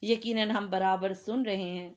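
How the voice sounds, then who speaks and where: A woman's voice: mid-range voice, steady tone, darkish tone, dull audio. A middle-aged woman with a Pakistani Urdu accent, lecturing a Quran class and putting questions to her students. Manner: questions the students and laughs with them.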